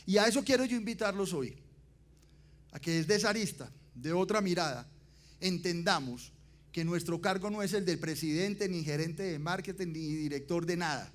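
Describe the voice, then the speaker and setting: A man giving a motivational conference talk, asking the audience rhetorical questions and swinging between loud emphasis and quiet, dropped endings. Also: high-pitched, normal speed. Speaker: conference speaker.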